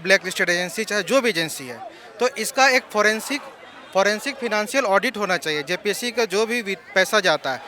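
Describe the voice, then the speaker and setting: A man's voice: high voice, bright, forceful tone. A man, a protesting exam candidate, making formal demands in a street interview outdoors.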